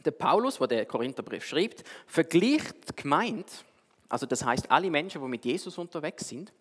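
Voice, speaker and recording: A preacher who speaks in a lively, animated storytelling manner, his pitch swinging widely. His voice sits a little high for a man. It carries a long reverb from a large hall. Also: normal speed, breathy edge. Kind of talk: sermon with a told story.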